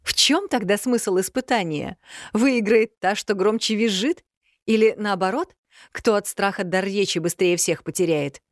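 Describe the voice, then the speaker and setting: A woman voicing a young bride who babbles flippant nonsense in a higher, lively voice. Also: a little slow, no room sound, clean studio sound, lightly acted.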